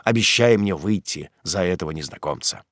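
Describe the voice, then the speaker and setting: A man voicing a bitter, vengeful old father in an audiobook, speaking gravely and low. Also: lively intonation, a little fast, fairly bright tone, no echo, studio quality, exaggerated voice. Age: older. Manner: grave, brooding, bursts into fury.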